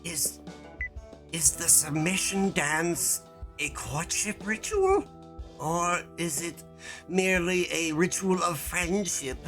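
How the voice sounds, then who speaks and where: A woman's voice: lowish voice, very animated, slow pace, fairly bright tone, faint music behind, exaggerated voice. A woman voicing an alien shopkeeper who fakes being human, speaking in a stilted, overly formal way with musing hums. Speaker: streamer playing a shop game.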